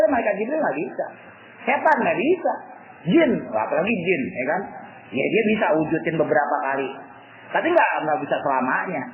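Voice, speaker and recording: A high-voiced man gives a relaxed religious lecture, his pitch swinging up and down as he jokes and acts out quotes. The sound is thin and phone-like, with a roomy echo and a faint hiss behind him. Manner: colloquial and joking, acts out quotes. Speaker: religious teacher. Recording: tinny echoey lo-fi recording with faint noise.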